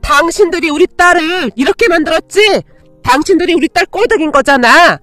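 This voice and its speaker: A woman voicing a harsh, greedy, superstitious middle-aged mother who shouts and scolds. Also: very high-pitched, a little fast, no echo, faint music behind, voice pushed up. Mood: shrill scolding.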